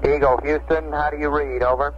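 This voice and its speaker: A man's voice: on the high side, flat delivery, fairly quick, lo-fi sound, noisy background. A man working as a mission control communicator, exchanging procedural calls over space radio. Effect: space radio transmission. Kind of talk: radio call-and-response procedure talk. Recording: band-limited 1960s mission radio, music behind.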